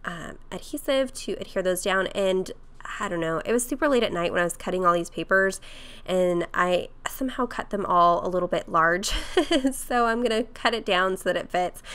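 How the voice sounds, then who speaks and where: A woman with a cold-roughened voice, chatting casually through a craft tutorial voice-over. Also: on the low side, normal speed. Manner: chatty, with fillers and soft laughs. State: hoarse from a cold. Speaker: craft vlogger.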